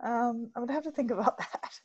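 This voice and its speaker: A woman from the American South co-hosting a podcast in casual chat, animated and quick with laughing asides. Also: a little high, muffled recording. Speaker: podcast co-host.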